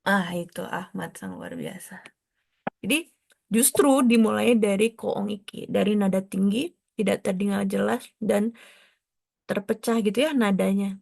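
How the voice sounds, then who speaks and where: A woman tutor giving an explanatory lesson, stepping through technical terms and glossing each one, with frequent soft tag questions. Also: mid-range voice, measured pace, vocal fry, no room sound, studio quality. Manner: explains step by step, drops in foreign technical terms and glosses them. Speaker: exam prep tutor.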